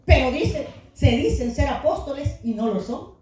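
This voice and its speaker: A woman with a very high voice preaches a Pentecostal sermon with fervor. She keeps calling out to the brethren and rises to shouts. Her voice carries from far off through a very echoey church hall. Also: expressive, normal speed.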